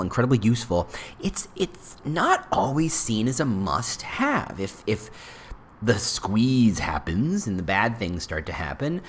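A man's voice: medium pitch, a little hiss or hum. A man hosting his own podcast, talking casually on his own with frequent restarts and asides. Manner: rambling, self-interrupting, lively delivery. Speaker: podcast host. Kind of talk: casual solo podcast talk.

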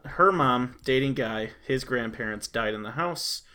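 A man's voice: medium pitch, unhurried, pushed and bright. A man hosting a podcast, reading listener stories aloud and riffing on them in chatty, playful banter. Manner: chatty, laughs often, reads stories then riffs on them. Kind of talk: casual chat and reading aloud.

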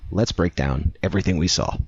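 A man's voice: low voice, fairly quick, gravelly, husky, dry recording, muffled recording. A man co-hosting a gaming podcast, explaining details matter-of-factly and reading an article aloud.

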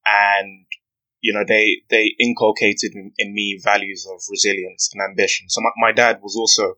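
Brief: young man, podcast guest, earnest and measured, lowish bright voice. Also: little pitch movement, rough recording. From West London, UK. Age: 20s. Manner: earnest, measured storytelling with frequent "you know". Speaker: guest, aspiring barrister. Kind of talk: podcast interview.

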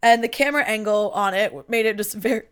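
A woman's voice: medium pitch, brisk, a bit bright, clear, resonant tone. A woman co-hosting a podcast, chatting casually and animatedly about a wrestling match, full of fillers and asides. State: yawning and hiccuping. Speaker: podcast co-host.

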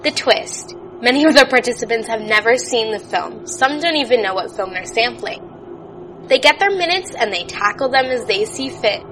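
Bright female podcast announcer. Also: a little high, animated, normal speed, slight background noise, rough recording. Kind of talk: scripted show intro.

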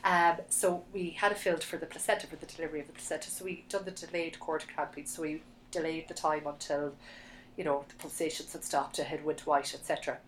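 A woman's voice: deep voice, fairly even intonation, quick pace, a little hiss or hum, rough recording. A woman with an Irish accent, chatting casually and animatedly as she tells a personal story. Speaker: podcast guest sharing a birth story. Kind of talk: casual chat.

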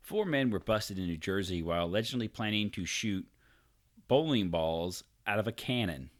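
Man, podcast co-host, low voice, casual news reading, profane jokes. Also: lively intonation, moderate pace. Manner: profane, joking, reads headlines aloud with asides.

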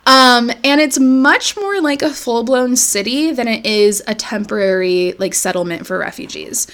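Her pitch fairly high and her speed normal, this woman co-hosts a podcast and casually recounts a life story, leaning heavily on filler words.

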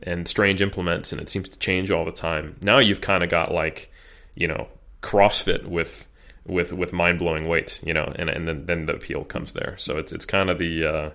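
Very deep-voiced man, rambling chat. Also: flat delivery, normal speed, hardly any pauses, pushed and bright. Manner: rambling, many fillers and restarts. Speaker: podcast guest, bodybuilding coach. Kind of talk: casual interview chat.

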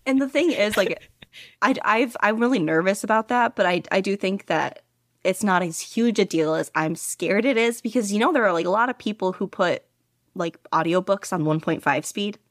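Speaking at medium pitch with no room sound, a podfic narrator chats casually during her interview. She rambles animatedly and runs herself down good-naturedly, quick to laugh at herself.

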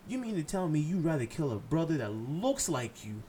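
A man's voice: on the high side, very animated, fairly quick, warm tone, slight background noise. A man from Haiti hosting a solo podcast, blunt and impassioned, cursing freely as he lectures his listeners. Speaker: podcast host.

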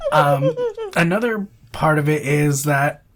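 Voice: medium pitch, wildly swooping pitch, slow pace. A podcast co-host chatting casually about films, rambling with lots of fillers and self-corrections. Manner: laughs often between phrases.

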